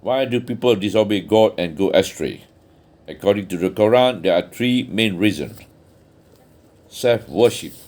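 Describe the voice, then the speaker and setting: Low-voiced man reading a religious text. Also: expressive, darkish tone. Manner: measured, earnest reading with occasional restarts and throat clearing. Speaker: audiobook reader. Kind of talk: reading a religious book aloud.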